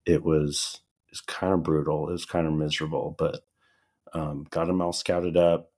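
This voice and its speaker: A very low-pitched man chatting casually as a podcast co-host. His voice sounds slightly hoarse and dry, as if it is still recovering. He tells stories in a relaxed way and laughs often. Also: normal speed. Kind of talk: casual chat.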